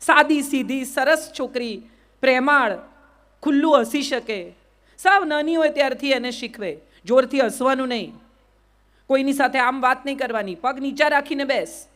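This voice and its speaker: Brief: middle-aged Gujarati woman, high voice, motivational speaker, quizzes the crowd. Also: normal speed, fairly bright tone. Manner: asks the crowd rhetorical questions, repeats "yes or no". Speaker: public speaker. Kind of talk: motivational speech to a live audience.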